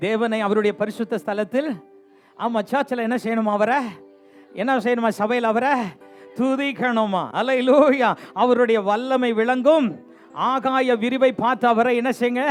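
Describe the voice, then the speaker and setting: High-voiced exhorting preacher. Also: male voice, fairly even intonation, moderate pace, soft background music. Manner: exhorting, teasing the congregation, repeating refrains. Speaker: pastor. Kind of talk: lively bilingual sermon with call-and-response. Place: church sanctuary.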